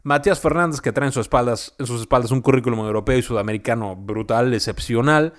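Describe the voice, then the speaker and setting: A man's voice: mid-range voice, quick pace. Chatty Mexican man analyzing football. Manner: conversational, frequent "¿no?" tags and "este" fillers.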